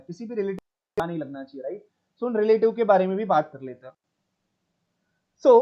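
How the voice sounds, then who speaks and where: A man's voice: high voice, highs cut off. A man teaching math in an online class, switching between Hindi and English and often checking in with his students.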